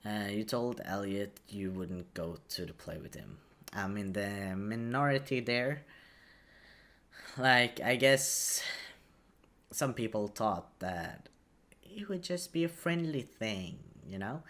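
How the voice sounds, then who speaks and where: A man's voice: lowish voice, animated, takes it slowly, a bit bright. A man giving casual video game commentary, hesitantly thinking aloud as he goes. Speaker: gaming commentator.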